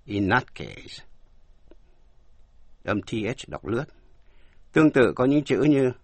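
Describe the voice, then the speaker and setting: A man teaching English pronunciation in a language lesson, slowly spelling words out letter by letter. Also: lowish voice, no echo.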